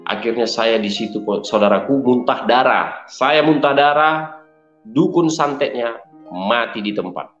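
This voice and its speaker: A man with a Medan accent tells his personal religious testimony in a loud, forceful voice, his pitch sitting in an ordinary middle range. His speech carries the room's reverb, and the recording sounds somewhat dull. Faint music plays underneath. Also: unhurried. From Medan, Indonesia. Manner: keeps addressing listeners as brothers. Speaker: testimony speaker.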